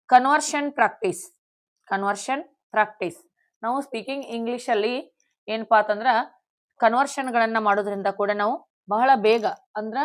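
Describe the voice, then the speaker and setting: With a voice that's a little high, a woman teaches spoken English in a slow classroom style, spelling words out letter by letter for learners to repeat.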